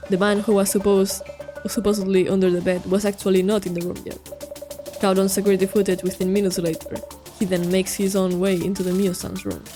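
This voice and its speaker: A woman voicing a calm, theatrical male detective, reading a visual novel aloud with measured, grandly formal questions. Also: medium pitch, pitched below the performer's own voice, lightly acted.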